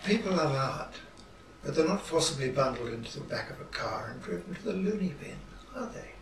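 A man's voice: fairly high pitch, lively intonation, brisk, roomy sound, distant mic, noisy background. An actor playing a lonely middle-aged widowed father, dry, clipped and exasperated. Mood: guarded. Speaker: father committed to a psychiatric clinic. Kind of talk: short film drama acting.

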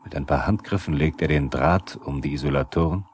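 On an old vinyl recording with faint noise, a 1970s radio drama narrator talks briskly in a very deep male voice. Sober and searching, he speaks straight to the characters.

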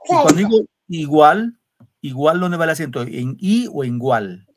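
A male secondary school literature teacher teaches online over a video call, his fairly high voice lively but a little slow. He explains step by step and keeps questioning students, often tagging on "¿no?".

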